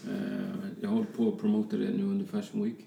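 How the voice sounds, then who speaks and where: A man from Colombia talks casually as a fashion designer guest, rambling and restarting often. His voice is low, dark and gravelly. He sounds distant in an echoey room. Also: monotone, a little hiss or hum. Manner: rambling, many fillers and restarts. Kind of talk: casual interview chat. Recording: roomy echo, distant from mic.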